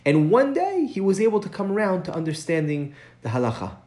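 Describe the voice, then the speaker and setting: A Mishnah teacher with a high-pitched, darkish voice and big swings in pitch leads a recorded study lesson. He rushes through chanting the source text, then unpacks it step by step, frequently checking in with "right?" as his voice climbs on key points.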